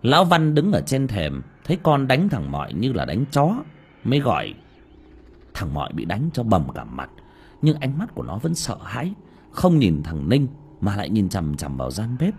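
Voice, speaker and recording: Brief: male audiobook narrator, dramatic and expressive, hugely animated intonation. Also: on the low side, moderate pace, breathy edge. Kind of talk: scripted horror story narration.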